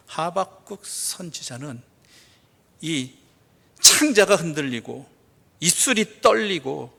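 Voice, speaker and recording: Korean pastor preaching in a reverberant church. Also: male voice, a little high. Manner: swings between loud emphatic preaching and hushed near-whispers; asks rhetorical questions. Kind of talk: sermon. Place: church sanctuary. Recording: church hall with long reverb.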